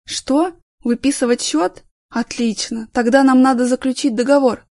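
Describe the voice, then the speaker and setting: A woman's voice: sits high, fairly even intonation, moderate pace, warm tone, no echo, studio quality. A woman doing an exasperated office lady. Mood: fawning. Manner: exasperated, fawning on the phone. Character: fussy, squeamish female office worker.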